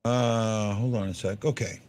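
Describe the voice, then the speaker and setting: A lowish, darkish voice with a steady tone and measured pace belongs to a man in his fifties hosting a hockey fan livestream. He answers viewers' comments casually, bluntly, and with a habit of repeating himself.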